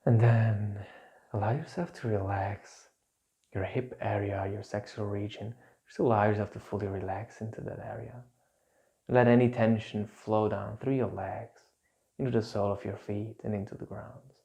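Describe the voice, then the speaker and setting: A man guiding a calm grounding exercise as an instructor, giving gentle, soothing, repetitive instructions with pauses. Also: fairly low pitch, vocal fry. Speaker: instructor leading a guided relaxation exercise.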